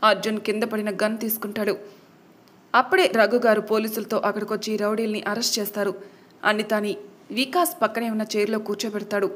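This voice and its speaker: A woman's voice: medium pitch, level tone, brisk, a bit bright. A woman storyteller narrating a dramatic family tale.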